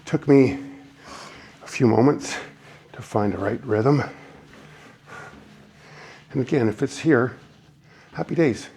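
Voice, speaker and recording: A man's voice: medium pitch, slow pace, long pauses, warm tone, husky. A man leading a beginner trampoline workout, giving encouraging cues and getting out of breath as he bounces. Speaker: fitness instructor. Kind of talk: guided workout instruction.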